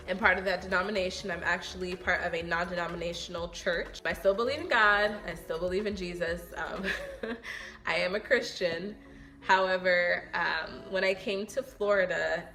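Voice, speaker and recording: A young New York woman talks to the camera in a casual get-to-know-me vlog, sounding earnest and reflective in a voice a little low for a woman. She thinks aloud, pausing often with ums, while soft music plays faintly in the background.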